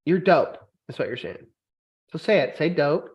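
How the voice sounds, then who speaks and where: A man hosting a podcast. He has been drinking and rants loudly, swearing for comic effect in casual banter. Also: on the high side, sing-song, moderate pace, lo-fi sound. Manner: loud, profane mock-angry ranting. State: drinking, tipsy. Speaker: podcast host.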